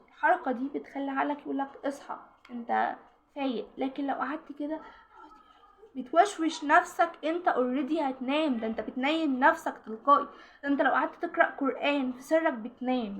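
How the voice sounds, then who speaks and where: Fast, high-voiced Egyptian woman giving study advice. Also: a little hiss or hum. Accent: Egyptian Arabic. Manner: direct, coaching, talks straight to the viewer. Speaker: study-tips vlogger. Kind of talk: casual advice talk to the camera.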